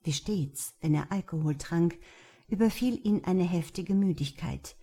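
A woman narrating a novel in a steady, even audiobook reading. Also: on the low side, measured pace, breathy edge. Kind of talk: scripted narration.

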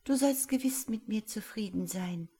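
A woman voicing a little female angel who pleads tenderly and tearfully in a raised, soft voice. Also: medium pitch, normal speed, breathy edge, voice pushed up. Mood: pleading.

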